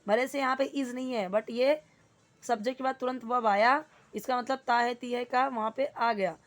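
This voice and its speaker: A woman teaching English in Hindi, patiently explaining grammar and reading English sentences slowly. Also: fairly high pitch, steady tone.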